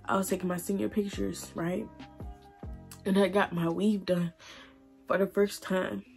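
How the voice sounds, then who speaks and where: A young woman, crying and halting as she tells her story while doing her makeup. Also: medium pitch, level tone, creaky, darkish tone, soft background music. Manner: emotional, halting, repeats herself. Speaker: beauty vlogger. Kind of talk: tearful get-ready-with-me chat.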